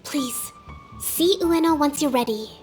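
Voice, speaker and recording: A woman voicing a serene young shrine maiden who leads with care, soft and polite, in a video game. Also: high voice, measured pace, faint music behind. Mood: serene, gentle.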